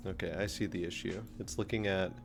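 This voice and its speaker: A man's voice: low-pitched, steady tone, brisk. A man streaming live, chatting casually and thinking aloud with ums while he works through a design. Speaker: streamer and engineering teacher. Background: background music.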